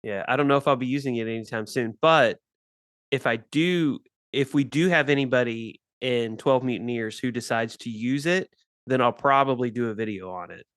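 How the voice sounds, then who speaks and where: A man co-hosting a gaming podcast in casual chat, friendly and quick with asides. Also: mid-range voice, a bit bright, no room sound, studio quality. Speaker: podcast co-host.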